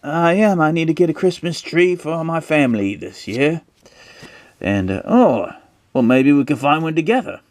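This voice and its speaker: A man voicing a friendly stranger out looking for a holiday tree, speaking much higher than his own voice. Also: lively intonation, normal speed, dry recording, natural voice. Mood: eager.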